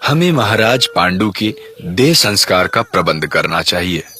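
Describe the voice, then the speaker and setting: A man's voice: low voice, sing-song, unhurried, sharp tone. A man narrating a drama in a solemn, lamenting tone. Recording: music bed underneath.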